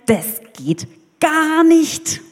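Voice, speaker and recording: A proud, self-important army commander, a grown man, pitched high with outrage as he complains about how he is treated, as a woman preacher puts him on. His indignant voice rings through a church hall with a long reverb. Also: unhurried, mellow.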